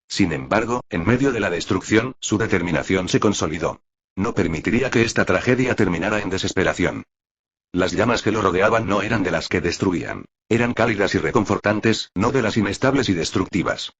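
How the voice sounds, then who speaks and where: A man narrating an audiobook in an even, dramatic storytelling manner. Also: low-pitched, breathy edge, lo-fi sound.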